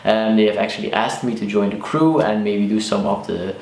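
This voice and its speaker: A man's voice: lowish voice, brisk, darkish tone, a little hiss or hum. A man in his twenties from Flanders with a Flemish accent, Dutch as his first language, chatting casually to camera as a car vlogger with lots of likes and restarts. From Belgium, Flanders. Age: 20s. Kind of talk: casual vlog talk to camera. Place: sparsely furnished room in a new house. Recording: echoey bare room.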